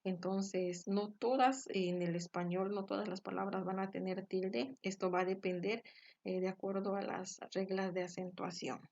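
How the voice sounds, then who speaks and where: Woman teacher explaining grammar slowly. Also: mid-range voice, flat delivery, a little mellow, muffled recording. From Peru. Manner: explanatory, checks with tag questions, frequent fillers; slows and stresses example words. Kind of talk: classroom lesson on grammar.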